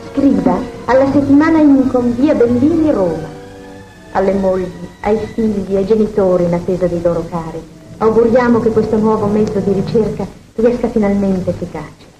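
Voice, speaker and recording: A woman announcing in a formal, declamatory old 1940s newsreel style. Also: medium pitch. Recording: echoing archive newsreel over loud music.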